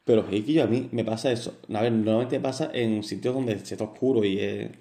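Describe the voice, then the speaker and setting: A man's voice: lowish voice, a little fast, warm tone. A young man with a Cádiz Andalusian accent, chatting casually as a podcast co-host, laughing often and swearing freely. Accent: Andalusian Spanish (Cádiz). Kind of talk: casual banter. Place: remote from home. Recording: roomy echo.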